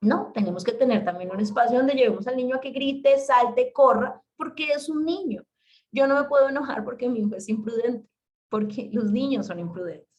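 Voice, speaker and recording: A woman, a parenting educator giving a talk to parents in an emphatic, animated way, speaking directly to her listeners. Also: fairly high pitch, normal speed, muffled recording.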